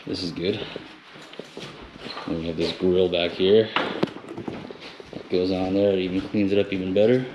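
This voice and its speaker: Filming indoors on a handheld camera, a man with a deep, steady voice walks viewers through a large, high-ceilinged open living room for his job-site vlog as an installer. He speaks informally and off the cuff at normal speed, pausing often. The recording is muffled, clearly noisy, and has clicks.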